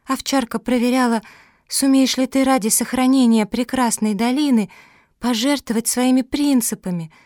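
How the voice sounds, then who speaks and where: A woman voicing a patient, wise older female dog in a storybook reading, calm and gently explaining. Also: high voice, moderate pace, dry recording, clean studio sound, natural voice.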